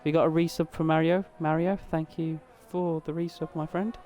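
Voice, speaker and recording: A tired man giving relaxed live commentary on an online sim race, chatting casually with viewers and drivers. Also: on the high side, moderate pace, slight background noise. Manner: laid-back, chatty, addresses viewers and drivers directly.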